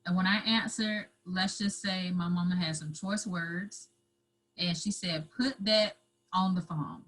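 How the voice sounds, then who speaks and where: A woman guest telling her own story in an interview, halting and repeating herself, at times close to tears. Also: on the low side, fairly even intonation, a bit bright, rough recording. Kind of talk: emotional personal storytelling.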